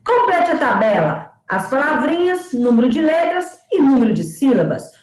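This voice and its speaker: A high-voiced woman lecturer with a lively, swooping delivery teaches an online lesson. She speaks slowly and sounds words out syllable by syllable. The room is echoey. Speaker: pedagogy lecturer.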